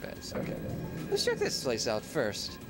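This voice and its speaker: A man's voice: medium pitch, huge pitch swings, a little slow, over music. A young man giving casual commentary on a game he is playing, rambling and often correcting himself mid-sentence. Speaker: let's play gamer. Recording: home recording with noise.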